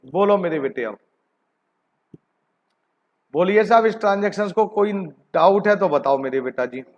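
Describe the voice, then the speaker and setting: A man's voice: high-pitched, expressive, moderate pace, highs cut off. A man teaching an online accounting class, coaxing his students with repeated questions and calling them "beta ji". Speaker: commerce teacher.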